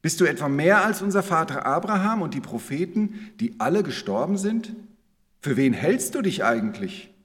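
A man's voice: on the high side, sing-song, normal speed, fairly bright tone, big-room sound. A man reading aloud the lines of an indignant group of male opponents, raising his voice to sound protesting.

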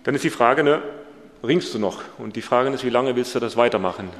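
Man preaching, casual tag questions, gravelly voice, long hall reverb. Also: mid-range voice, brisk. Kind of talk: informal sermon on a Bible passage.

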